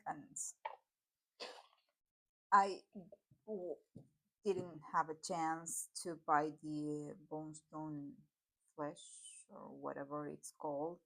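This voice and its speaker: A woman's voice: fairly low pitch, fairly bright tone. A woman whose first language is Spanish, reviewing tarot decks in a casual chat, with fillers and self-corrections. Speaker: tarot vlogger.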